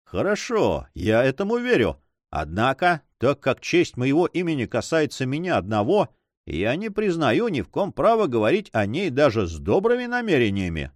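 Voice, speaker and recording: A man's voice: mid-range voice, wildly swooping pitch, normal speed, no echo, clean studio sound. A man voicing a proud, hot-tempered nobleman in an audiobook, commanding and threatening. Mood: stern. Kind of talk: audiobook reading.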